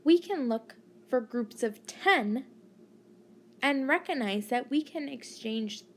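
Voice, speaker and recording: High, very slow woman teaching children counting. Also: expressive, slight background noise. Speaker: primary school maths teacher. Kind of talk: scripted lesson narration for children.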